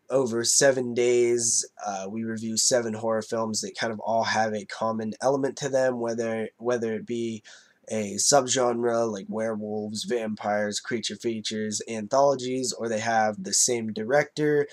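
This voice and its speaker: A man with a cold, sounding nasal and congested, casually reviewing a horror film with many fillers and restarts. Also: medium pitch.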